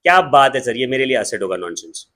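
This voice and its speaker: A man with an Indian accent teaching an accountancy class in a joking, lively way, slowing down to dictate definitions. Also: medium pitch. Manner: lively, joking, switches between Hindi and English, slows down to dictate definitions. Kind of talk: classroom lecture.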